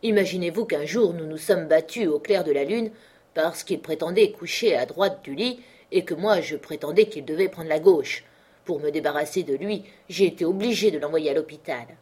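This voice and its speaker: A woman reading the part of a quarrelsome old army sergeant who tells a lively barrack-room anecdote, in a slightly husky voice. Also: low-pitched, moderate pace. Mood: boastful. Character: old soldier sergeant, boastful and quarrelsome man.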